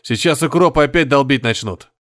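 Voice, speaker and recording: A man voicing a tough male convoy driver who barks orders loudly and urgently. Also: medium pitch, a little fast, no echo, clean studio sound, lightly acted. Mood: urgent shouting. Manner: barking, loud, commanding.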